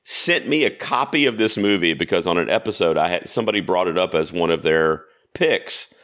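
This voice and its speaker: A man's voice: deep voice, animated, a little fast, a bit bright. A man hosting his own podcast, chatting casually and easily about movies with a co-host. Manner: easygoing, loose, chatty. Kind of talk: casual chat.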